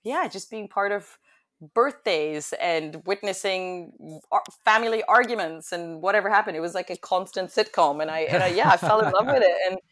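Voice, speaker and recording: A woman's voice: lowish voice, normal speed, a bit bright. A young adult woman from France with an American accent, chatting casually as an interview guest, with lots of fillers and restarts. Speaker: guest, hospitality business owner.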